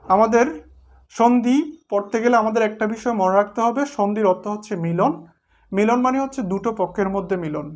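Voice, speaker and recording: Patient classroom teacher, mid-pitched, walks through each example step by step. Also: brisk. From Bangladesh. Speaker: grammar teacher. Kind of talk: explaining sandhi at a board.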